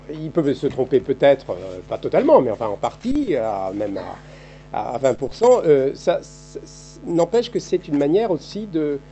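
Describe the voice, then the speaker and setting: A man in his fifties with a dark, mellow voice, giving an academic seminar lecture. He thinks aloud as he goes, circling back through halting restarts and repeated words. The sound is dull and lo-fi, like an old archive tape of a seminar room. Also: mid-range voice. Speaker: historian giving a seminar talk.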